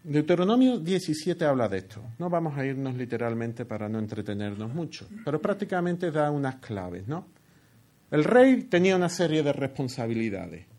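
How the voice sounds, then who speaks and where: A man's voice: fairly high pitch, very animated, moderate pace, darkish tone. A man preaching a sermon, explaining a Bible passage with rhetorical questions and frequent "¿no?" tags. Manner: expository, asks rhetorical questions, tag "¿no?". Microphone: headset earpiece.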